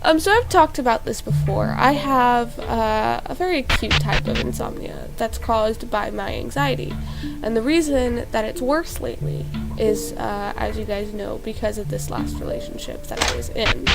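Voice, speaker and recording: A young woman gaming YouTuber rambles chattily through let's-play commentary with plenty of fillers, her sore, congested throat giving a creaky quality to a fairly high voice with big pitch swings. She talks at a moderate pace over loud game music, and the recording is rough.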